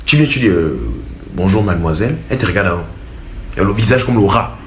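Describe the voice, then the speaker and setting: Casting note: male host, jokey storytime commentary, animated delivery, recorded in a roomy space. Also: on the low side, quick pace, a little hiss or hum. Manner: animated, joking, laughs at his own remarks. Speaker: host reading and commenting on a viewer's dating story. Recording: echoey room.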